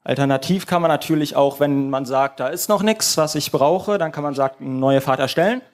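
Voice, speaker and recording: A man's voice: fairly high pitch, fairly quick. A man presenting his team's app at a hackathon, walking through the screens step by step in a live demo.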